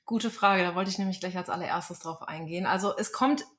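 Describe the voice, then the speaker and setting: A woman's voice: fairly low pitch, a little fast. Chatty woman astrologer telling stories. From Germany. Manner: animated storytelling with frequent fillers. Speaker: astrologer and tarot reader, interview guest. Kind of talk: casual interview conversation.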